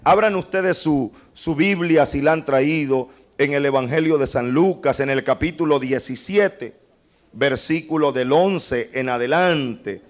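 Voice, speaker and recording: A man preaching a sermon, impassioned, speaking directly to the congregation as brother and breaking into humorous asides. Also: unhurried. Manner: impassioned, with sudden leaps to high cries and humorous asides.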